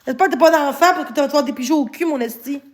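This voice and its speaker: A woman's voice: high-pitched, racing, a little hiss or hum. A woman with a Québécois accent, streaming live and angrily scolding her chat, swearing often. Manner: angry, swearing, scolding viewers. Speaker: livestreamer.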